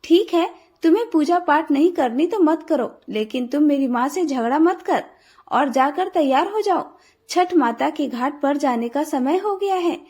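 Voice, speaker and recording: A dutiful grown son and husband from a storybook tale, put on by a woman. He speaks calmly in a high voice and tries to keep the peace at home. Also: measured pace.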